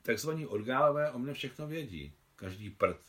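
A man's voice: medium pitch, animated, fairly bright tone, voice pushed up, natural voice. A man reading aloud the lines of a tired, fatalistic male army doctor who speaks bluntly. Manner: blunt, world-weary.

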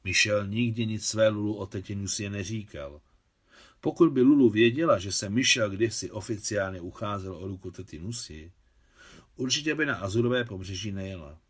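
A man narrating a novel, reading the dialogue lines in a higher voice for the women. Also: breathy edge. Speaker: audiobook narrator.

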